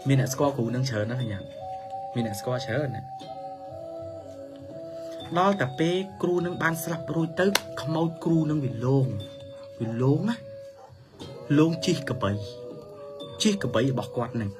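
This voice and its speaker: A man narrates a children's story with a mid-pitched voice, swinging between high and low tones to bring it alive. Clear music plays beneath him the whole way through. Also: animated, measured pace, pauses often.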